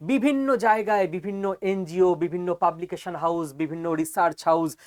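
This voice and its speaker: A man's voice: high-pitched, moderate pace. A man giving an explainer lecture as a teacher, speaking emphatically and often checking that listeners follow.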